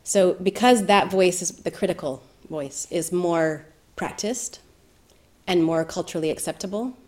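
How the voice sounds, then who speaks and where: Woman meditation teacher, lowish voice, soft and reflective delivery. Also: a little slow. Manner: soft-spoken, thoughtful, with gentle laughs. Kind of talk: reflective dharma talk.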